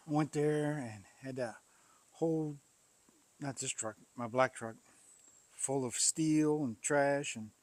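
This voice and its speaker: A man's voice: mid-range voice, dry recording. A man, a pastor who welds, chatting casually and rambling in his workshop, sighing and coughing between thoughts. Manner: rambling, folksy, frequent sighs and coughs. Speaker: pastor and welder, channel host. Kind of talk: casual shop vlog.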